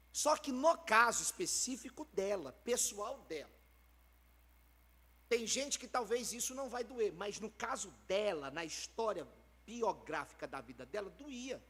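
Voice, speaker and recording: A man's voice: high-pitched, fairly bright tone, slightly rough, in a large hall. A man with a Brazilian accent preaching a sermon in a church, emphatic and dramatic.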